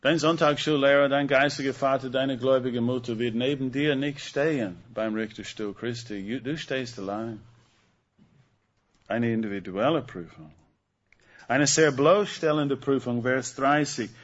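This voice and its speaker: A man preaching a sermon, slow and emphatic, putting rhetorical questions to the congregation. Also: medium pitch, steady tone, muffled recording.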